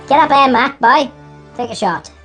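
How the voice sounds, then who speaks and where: A man with a Welsh accent voicing a cocky, bungling cartoon handyman in a sweary, excitable comedy voice-over. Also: very high-pitched, moderate pace, soft background music. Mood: cocky, scheming. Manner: sweary, colloquial, excitable banter.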